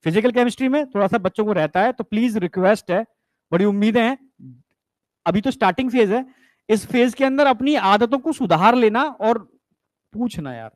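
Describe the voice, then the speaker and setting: High-voiced man teaching a biology class. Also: dry recording. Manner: coaxing, keeps asking if students understood; mixes English science terms into Hindi. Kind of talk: classroom lecture.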